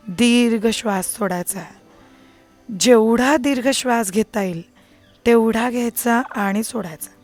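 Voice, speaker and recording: A woman teaching prenatal yoga and breathing, speaking calmly and slowly, sometimes nearly whispering. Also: a little high. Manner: calm, slow, soothing, at times near a whisper. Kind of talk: guided breathing and yoga instruction.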